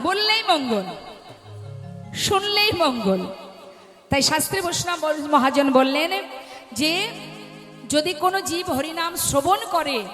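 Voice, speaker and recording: High-voiced woman preaching in a hall. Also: fairly bright tone. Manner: asks the audience questions, calls out chants. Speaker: kirtan preacher. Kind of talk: devotional kirtan sermon. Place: stage before a live audience. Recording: echoey hall with faint music.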